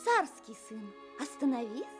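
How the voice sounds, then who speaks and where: An actress playing an alluring, commanding young maiden temptress, coaxing theatrically in a Russian fairy tale dramatisation. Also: female voice, a little high, very animated, a little slow, over music.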